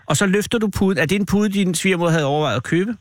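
A man's voice: high-pitched, no room sound, studio quality. A male radio host interviewing a caller, asking wry, teasing questions.

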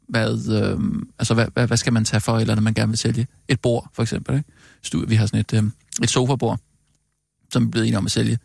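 Gravelly guy stumbling over his words in a comedy sketch, dry close sound. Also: mid-range voice, dry recording. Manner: hesitant, stammering.

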